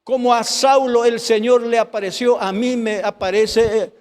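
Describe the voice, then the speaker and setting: A man's voice: very high voice, steady tone, measured pace, darkish tone, big-room sound. A man preaching his testimony, impassioned and pleading, calling his listeners brother. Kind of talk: testimony sermon.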